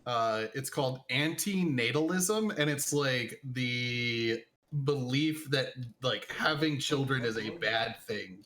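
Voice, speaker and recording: A man's voice: mid-range voice, slow pace, a bit bright. A man co-hosting a game stream, chatting in a playful, teasing way. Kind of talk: casual gaming stream chat.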